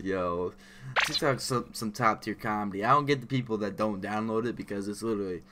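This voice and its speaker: A man's voice: on the low side, brisk, noisy background. A young man giving casual reaction commentary in slangy speech, often exclaiming in disbelief. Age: young adult. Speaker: reaction video host. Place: small home room, indoors.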